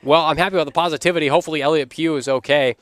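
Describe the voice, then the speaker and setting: Energetic male lacrosse play-by-play commentator. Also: a little high, very fast, dry recording. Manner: energetic, rises on big plays. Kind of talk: live sports commentary. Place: commentary booth.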